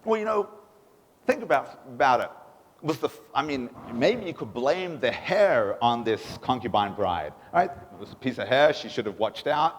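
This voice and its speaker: A man's voice: medium pitch, animated, moderate pace, a little hiss or hum. A man giving a sermon as a rabbi, preaching emphatically with rhetorical questions in a synagogue. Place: synagogue sanctuary. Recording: echoey synagogue hall.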